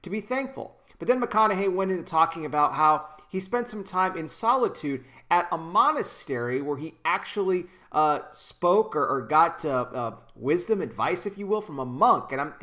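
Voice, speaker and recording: A man's voice: fairly high pitch, animated, normal speed, hardly any pauses, bright, forceful tone. A man in his thirties hosting a casual commentary vlog from a small room at home, talking earnestly into a desk microphone with frequent restarts. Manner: earnest, talks with hand gestures, frequent restarts. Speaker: commentary channel host. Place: small indoor room with kitchen behind. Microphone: desk microphone in front of him.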